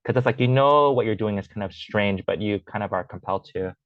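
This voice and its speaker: This young male interview guest speaks English natively and Chinese as a second language, and he talks hesitantly in a casual personal conversation, full of fillers and restarts. His voice sits lowish and moves briskly, and the audio is dull with no room sound.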